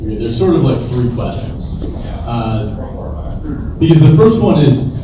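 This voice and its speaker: A venture capitalist guest speaker gives an informal Q&A talk to a live audience, his mid-range voice unhurried as he rambles through stories. He's an animated storyteller who often acts out imagined dialogue. The large, echoey indoor room is picked up by a far mic, with clear background noise.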